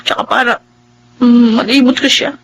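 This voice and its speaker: A woman with a Filipino accent acts and narrates in a radio drama, playing a young single mother who is remorseful and earnest. Her fairly high voice stays fairly even at a moderate pace, sounding sad yet resolute.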